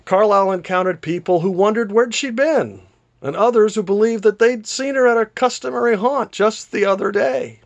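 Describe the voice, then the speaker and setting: In a creaky voice that sits high, a man reads a literary story aloud the way an author might, at a moderate pace. The scripted narration has a theatrical delivery.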